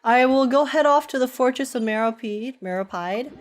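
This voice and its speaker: A young woman with a high voice livestreams a game over background game music, speaking at a normal speed. She's bubbly, giggly and chatty, casually reading and answering viewers' comments.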